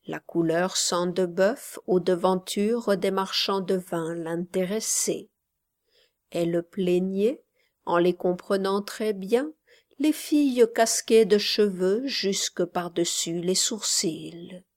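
A woman narrating a literary story in a slow, measured voice that at times drops almost to a whisper. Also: mid-range voice, a little mellow.

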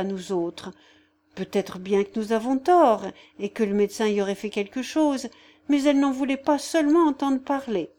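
A woman's voice: on the high side, warm tone, lightly acted. A woman reading a novel aloud voices a simple, devout young peasant girl with artless, rustic phrasing. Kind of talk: audiobook character voice.

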